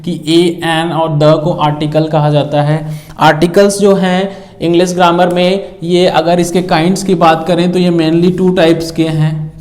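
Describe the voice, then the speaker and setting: Male teacher, grammar lesson, fairly high voice, patient explaining, checks in with the listener. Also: level tone, unhurried, darkish tone. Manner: mixes Hindi with English phrases. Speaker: English teacher.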